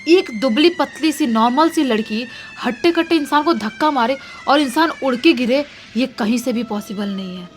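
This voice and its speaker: A woman's voice: high voice, expressive, normal speed, few pauses, a little hiss or hum. A woman narrating a horror story in a casual, conversational way, repeating lines for emphasis.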